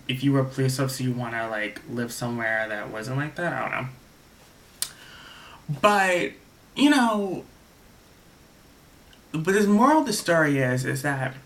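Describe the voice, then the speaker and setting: Here the Staten Island vlogger's voice is a little high and fairly bright. The young man rambles through a casual story to camera, frequently starting sentences over.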